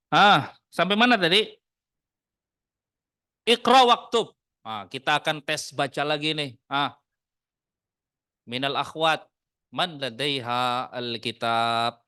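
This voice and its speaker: A man with an Indonesian accent teaching an Arabic class in a mosque study room, in a casual classroom manner, mixing Arabic phrases into relaxed Indonesian with joking asides. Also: medium pitch, clean tone, no room sound, clean studio sound.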